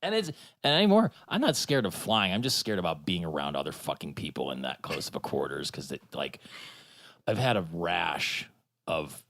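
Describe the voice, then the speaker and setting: Animated low-voiced man joking. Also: normal speed, vocal fry. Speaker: podcast host. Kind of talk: casual chat.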